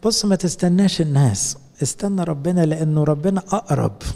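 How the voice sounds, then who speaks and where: Egyptian priest preaching in a reverberant hall. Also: male voice, fairly high pitch, a little fast, creaky. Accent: Egyptian Arabic. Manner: colloquial, warm-hearted, speaks directly to the listener. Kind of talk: sermon.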